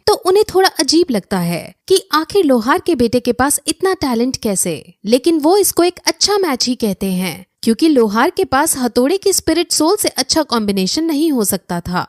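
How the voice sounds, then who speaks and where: A woman narrating an anime plot recap as a steady retelling, mixing in English loanwords. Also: high voice, no room sound, clean studio sound.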